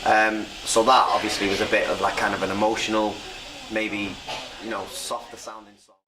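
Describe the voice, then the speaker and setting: A man's voice: fairly low pitch, little pitch movement, normal speed. A young man with a North Wales accent, chatting casually and rambling in an interview, laughing often. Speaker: upcoming rapper. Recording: echoey room from a distance with crowd noise.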